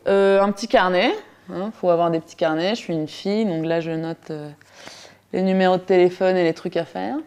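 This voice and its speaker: A woman's voice: lowish voice, steady tone, fairly quick, darkish tone, clean tone. A woman from France and Costa Rica casually showing what's in her handbag, playful and easygoing. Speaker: interviewee. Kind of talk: casual talk while emptying her handbag.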